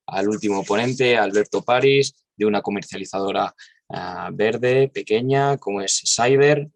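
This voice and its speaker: Gravelly low-voiced male moderator. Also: dry recording. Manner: halting, with fillers. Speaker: debate moderator. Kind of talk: moderating a panel.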